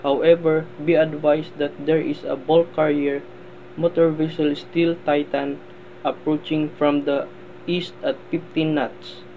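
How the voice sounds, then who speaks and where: A man's voice: a little high, level tone, measured pace. A man playing a formal vessel traffic service operator in a scripted marine radio exchange, with procedural phrasing. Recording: tinny band-limited radio sound, faint noise.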